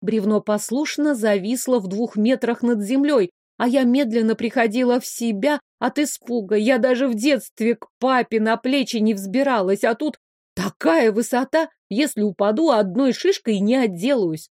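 Female audiobook narrator, somewhat high voice, wry lively delivery, dead-dry studio sound. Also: normal speed, dry recording. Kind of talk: first-person storybook narration.

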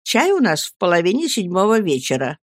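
A woman voicing a prim elderly spinster aunt in a storybook reading, measured and formal in a slightly lowered voice. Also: sing-song, no room sound, clean studio sound.

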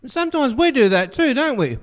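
Lively preacher. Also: male voice, extremely high pitch, brisk. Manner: jokey, animated storyteller. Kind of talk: sermon. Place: church.

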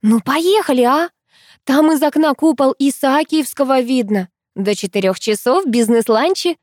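A woman voicing a chatty, excitable teenage schoolgirl who gossips in rapid chatter. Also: high voice, dry recording, studio quality, pitched above the performer's own voice. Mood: chatty, excited.

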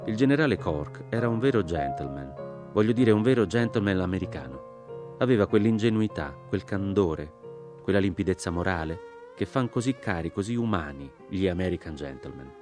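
A man reading a literary audiobook aloud, dry, ironic and deliberate in delivery. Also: low voice, expressive, over music. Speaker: audiobook reader.

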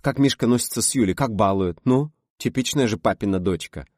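A man voicing a bold, blunt, energetic young woman in an audiobook reading. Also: on the low side, fairly quick, dry recording, studio quality, voice pushed up, close to an everyday voice. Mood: brash. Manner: snappy, bold, mocking. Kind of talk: audiobook character voice.

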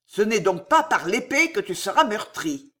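A reader voicing a brutal, savage male killer who shouts his lines loudly with a raised pitch. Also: sing-song, moderate pace. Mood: mocking.

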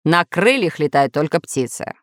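In a storybook reading, a woman with a low voice plays a boastful villainous male scientist who rules dinosaurs, sounding pompous and threatening. Her intonation is lively and her pace moderate. The recording is dry and studio quality.

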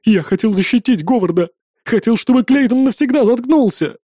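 A man voicing a hysterical, desperate young male employee in an audiobook, with loud, ranting, sobbing outbursts. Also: very high-pitched, moderate pace, no echo, clean studio sound, voice pushed up.

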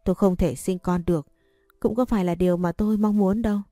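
A woman narrating a sad first-person story in a steady, sorrowful way. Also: medium pitch, quick pace, dry recording, studio quality, soft background music.

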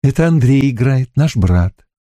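A man reading the part of a moody, sharp-tongued young woman in an audiobook, lifting his voice higher. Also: expressive, measured pace, dry recording, studio quality, natural voice. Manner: lifts voice higher, gossipy and scornful.

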